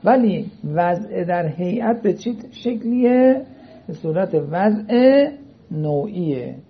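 Husky-voiced man teaching a lecture class. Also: high-pitched, animated. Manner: checks understanding with frequent questions. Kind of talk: seminary-style lecture. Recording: dull lo-fi recording.

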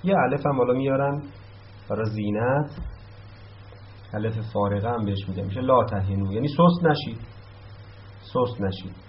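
Man teaching a grammar lesson. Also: medium pitch. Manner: explains step by step, repeats words slowly. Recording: dull lo-fi sound with faint noise.

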